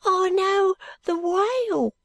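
A ragged young street boy, as a woman reader puts him on, high and thin with a breathy, half-whispered edge and a gravelly catch beneath it. He speaks slowly and haltingly, in plain ungrammatical street talk, recorded close and dry for a storybook reading. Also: fairly bright tone, dry recording, full character voice. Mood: bewildered. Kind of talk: audiobook character voice.

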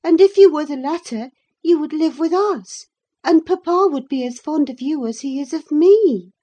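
A woman voicing a spirited, outspoken young lady in an audiobook, pert, emphatic and quick to anger. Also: sits high, expressive, mellow, pitched above the performer's own voice. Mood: earnest, affectionate. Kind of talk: dramatised audiobook reading of a classic novel.

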